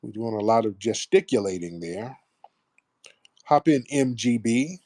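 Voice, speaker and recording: A man's voice: medium pitch, unhurried, warm tone, no room sound, studio quality. An American man hosting a casual call-in debate, assertive and probing as he talks. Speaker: host of a live call-in talk show.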